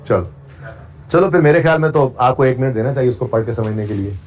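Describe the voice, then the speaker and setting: A man's voice: mid-range voice, expressive, quick pace, a little mellow. A man teaching accounting to a class, explaining step by step, often checking with his students, and switching into English for technical terms. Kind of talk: classroom lecture.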